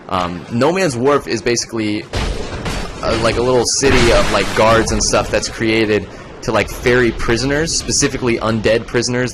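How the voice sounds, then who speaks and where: A young man with a fairly low but bright voice chats through a video game stream, slight background noise behind him. He keeps it loose, wandering off topic, joking and putting on goofy voices.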